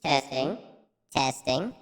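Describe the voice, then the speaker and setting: A man's voice: medium pitch, animated, slow pace, fairly bright tone, in a large hall. A streamer, a man, testing his mic while his voice comes out through a metallic robot filter, puzzled and repeating test words. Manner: repetitive, puzzled checking of sound.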